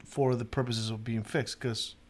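A man's voice: mid-range voice, steady tone, moderate pace. A man co-hosting a casual podcast, talking in a loose, rambling way with lots of restarts and the odd swear word. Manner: rambling, many restarts and fillers, swears freely. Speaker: podcast co-host.

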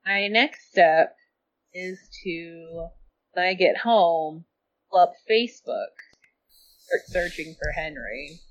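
A woman's voice: on the low side, slow pace, long pauses. A woman playing a tabletop role-playing game, talking casually and a bit hesitantly. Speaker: player. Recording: dull lo-fi sound.

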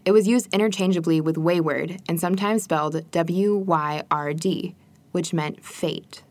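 A woman from rural Wisconsin giving a measured, reflective scripted documentary narration. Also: on the low side.

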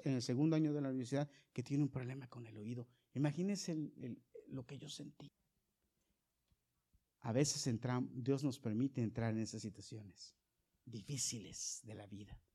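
A middle-aged male pastor preaching a sermon, shifting from loud calls to the congregation to soft, low storytelling. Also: fairly even intonation, moderate pace.

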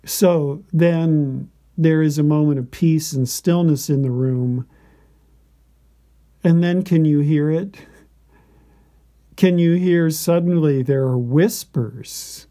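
A man giving a scripted devotional narration in a slow, deliberate and reverent manner. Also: on the high side, dark tone.

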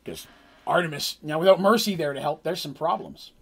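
A man with a fairly high voice recaps a tabletop role-playing battle as the game master. He rambles casually, stopping to correct himself and filling gaps with ums. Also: a little fast, creaky, a bit bright, slightly rough.

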